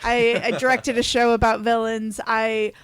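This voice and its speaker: A woman with a fairly high voice co-hosts a podcast in casual chat. She talks with eager enthusiasm and a wry edge. The recording is dry and close. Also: little pitch movement, normal speed, clear, resonant tone, dry recording. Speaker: podcast co-host.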